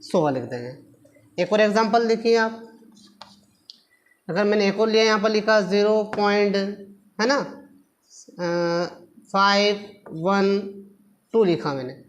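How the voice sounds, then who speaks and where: A man's voice: sits high, slow pace, pauses often. Patient male maths teacher quizzing pupils. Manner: patient, keeps asking the class rhetorical questions and answering them; addresses pupils affectionately as children. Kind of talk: classroom lesson explaining at a board.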